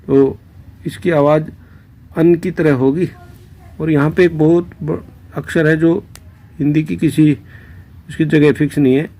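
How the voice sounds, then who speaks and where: A man's voice: mid-range voice, creaky, dark tone. A man with a Haryanvi accent casually teaching letters step by step, patient, with chatty asides. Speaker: Hindi script teacher. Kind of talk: casual explaining lesson.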